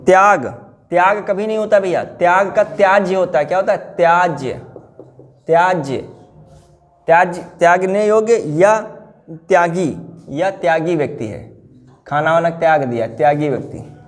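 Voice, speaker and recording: A man's voice: sits high, normal speed. A man teaching a grammar class, repeating each word and putting questions to his students. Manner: drilling words, repeating answers, asking the class questions.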